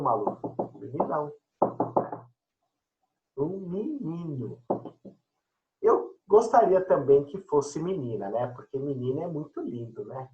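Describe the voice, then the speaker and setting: A man's voice: medium pitch, mellow, muffled recording. A man teacher chatting casually and joking with his students during an online class.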